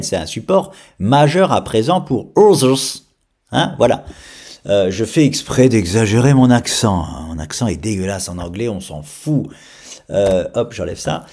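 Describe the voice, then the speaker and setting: A man giving a casual crypto chart analysis, talking in an animated way and filling pauses with frequent hesitations. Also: medium pitch, gravelly, slightly rough. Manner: animated, frequent "hein" and "euh" fillers.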